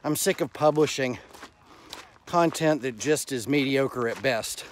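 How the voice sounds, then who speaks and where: A man's voice: medium pitch, unhurried. Middle-aged man vlogging on a walk, noisy outdoors. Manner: talking while out walking, blunt and salty. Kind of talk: casual chat to camera while walking. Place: outdoors on suburban sidewalks and park paths. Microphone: phone at arm's length, wired earphones worn. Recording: noisy outdoor phone recording with traffic.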